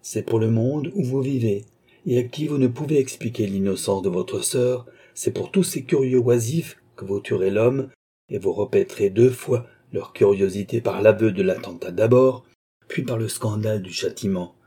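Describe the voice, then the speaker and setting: Storybook doctor, read by a man: grave, commanding, dark husky tone. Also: on the low side, moderate pace. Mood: solemn. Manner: solemn, commanding exhortation. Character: stern older male doctor, grave moralist. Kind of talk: audiobook character voice.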